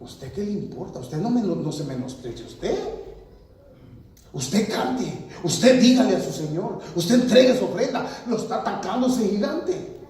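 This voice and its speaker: A man's voice: high-pitched, expressive, normal speed, warm tone. A pastor preaching a sermon, full of rhetorical questions and quoted voices of his congregation. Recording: echoey hall, mic far off.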